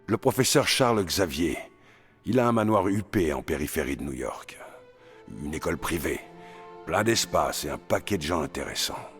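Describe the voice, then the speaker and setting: An actor playing a gruff, grizzled male mutant brawler from Canada in a French video game dub, blunt and sardonic. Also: low voice, animated, moderate pace, a bit bright, soft background music. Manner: blunt, sardonic, laid-back.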